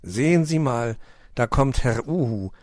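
A man voicing a measured, pompous male raven who croaks between phrases. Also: medium pitch, animated, darkish tone, no echo, studio quality, pitched above the performer's own voice, natural voice. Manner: slow, deliberate, croaks "kra".

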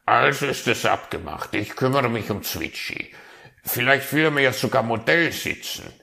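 A man voicing a helpful male raven craftsman in a storybook tale, brisk and croaking. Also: medium pitch, expressive, pushed and bright, voice pushed up.

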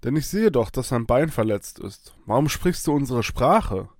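A man's voice: medium pitch, very animated, moderate pace, no echo, clean studio sound. A man doing a brave, kind young swordsman.

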